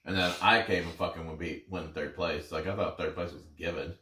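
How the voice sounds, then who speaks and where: Low-voiced man rambling in echoey room. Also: steady tone, a little fast, sharp tone. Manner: rambling, sweary, self-deprecating. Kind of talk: casual sports banter. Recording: echoey room, distant from mic.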